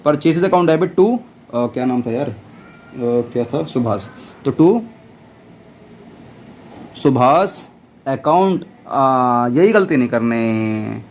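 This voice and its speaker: A man teaching an accounts class, loud and playful, often answering his own questions in a student's voice. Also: mid-range voice, expressive, takes it slowly, pauses often, a little hiss or hum. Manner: loud, almost shouting while teaching. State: dry throat. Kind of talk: classroom lecture.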